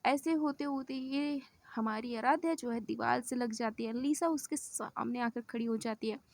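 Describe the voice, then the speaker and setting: A woman tells a love story in a loose, chatty way, looping back over phrases and correcting herself as she goes. Her voice sits a little high for a woman. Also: moderate pace, no room sound. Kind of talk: casual spoken storytelling.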